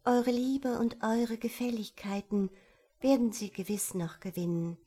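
A woman voicing a courteous, soft-hearted elder sister in a storybook reading. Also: a little high, fairly even intonation, measured pace, slightly rough, pitched above the performer's own voice. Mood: soothing. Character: gentle, sensible elder sister, tactful.

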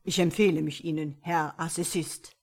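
A woman's voice: deep voice, steady tone, moderate pace, breathy edge. A woman voicing the devil as a grumbling, scheming male fiend in a storybook reading. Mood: mocking politeness.

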